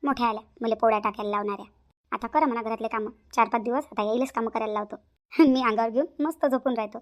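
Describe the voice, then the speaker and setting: A woman's voice: on the high side, fast, voice pushed down, close to an everyday voice. A woman voicing a lazy, scheming young woman who fakes illness in a whiny, drawling voice. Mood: gloating.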